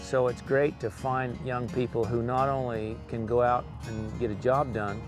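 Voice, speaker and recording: A mature man speaks as a working cowboy in a reflective interview. His voice sits at a medium pitch, with music clearly playing underneath. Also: little pitch movement, normal speed.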